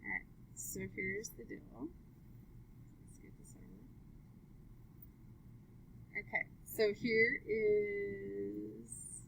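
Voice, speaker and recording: A woman's voice: fairly high pitch, creaky, a little hiss or hum, poor audio. A woman teaching a math class, upbeat, asking students question after question as she works through graphs. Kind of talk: live classroom lesson.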